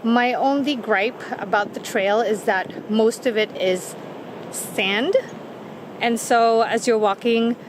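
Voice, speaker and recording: A travel vlogger with a cold, her voice going, chats casually while walking an outdoor coastal trail, her voice a little high and her pace slow. The camera's built-in mic captures windy audio with wind and other outdoor noise in the background.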